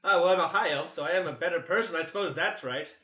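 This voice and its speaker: A man voicing a haughty, prim female high elf with a formal, condescending manner in a tabletop fantasy game. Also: fast talker, sharp tone, roomy sound. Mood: smug, condescending. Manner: formal, self-satisfied, condescending.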